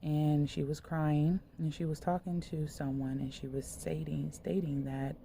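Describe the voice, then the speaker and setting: Woman minister, gravelly low-pitched voice, casual rambling sermon delivery, faint background hiss. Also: little pitch movement, unhurried, warm tone. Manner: conversational, loose, many fillers like "like". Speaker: minister sharing a dream. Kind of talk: casual spoken sermon, retelling a dream.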